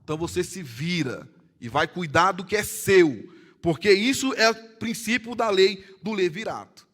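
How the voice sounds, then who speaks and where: A man with a Brazilian Portuguese accent, a pastor preaching a sermon in church, swinging between loud emphatic lines and hushed storytelling. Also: high-pitched, expressive, moderate pace. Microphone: live-streamed church service mic.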